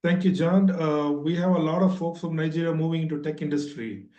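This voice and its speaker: A man's voice: a little high, fairly quick, dark tone. A man hosting an online training webinar, greeting each attendee by name in a friendly, upbeat way. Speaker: webinar host. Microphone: video call. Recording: roomy, distant, dull video-call audio.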